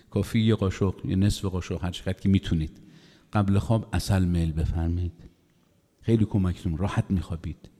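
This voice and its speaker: A middle-aged male preacher with a low, mellow voice gives an emotive sermon. He tells the story with feeling, leaping up in pitch for the dramatic parts and falling back to quiet asides. A long reverb hangs on every word in a large hall. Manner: emotive, rising to high impassioned pitch when voicing the story, drops to soft asides. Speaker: cleric preacher.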